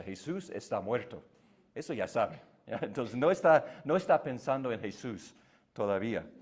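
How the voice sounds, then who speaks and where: A man's voice: mid-range voice, darkish tone. A man whose first language is English, teaching a Bible class in Spanish with patient explanations and frequent tag questions.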